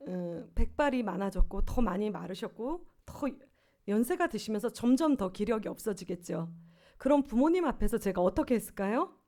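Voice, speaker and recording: A woman's voice: a little high, darkish tone. A woman in her fifties, a pastor, preaching a sermon with earnest personal stories and rhetorical questions. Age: 50s. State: swollen tonsils.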